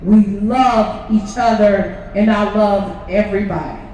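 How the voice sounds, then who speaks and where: A woman giving an impassioned, chant-like protest speech with emphatic, drawn-out, half-sung phrases. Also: mid-range voice. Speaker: protest speaker. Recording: very echoey, distant, noisy outdoor crowd.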